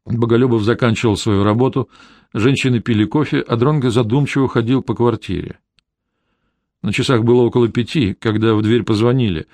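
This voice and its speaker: A man narrating a detective novel in an even, measured storytelling manner. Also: medium pitch, dry recording. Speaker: audiobook narrator. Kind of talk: scripted narration.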